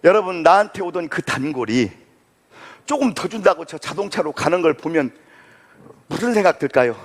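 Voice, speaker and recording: A man giving a motivational lecture, telling stories in an animated, folksy, dramatic way. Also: on the high side, normal speed.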